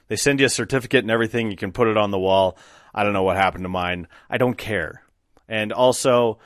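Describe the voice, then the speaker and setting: A man hosting a solo podcast, telling stories about his old jobs in a wry, self-mocking way, with lively switches when he quotes other people. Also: lowish voice, no echo, studio quality. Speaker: podcast host. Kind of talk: casual solo storytelling.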